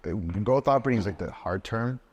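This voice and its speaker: A man's voice: mid-range voice, fast talker. A man around twenty, from Switzerland, talking as a guest in a casual podcast conversation, rambling and saying "like" a lot. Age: 20s. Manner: rambling, loose, says "like" a lot. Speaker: interview guest.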